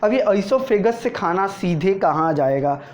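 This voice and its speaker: A man's voice: sits high, lively intonation, measured pace, a little mellow. A male teacher giving a board lecture to school students, asking rhetorical questions, answering them himself and repeating key terms. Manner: repeats key terms, often tags "theek hai". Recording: dull lo-fi recording with faint noise.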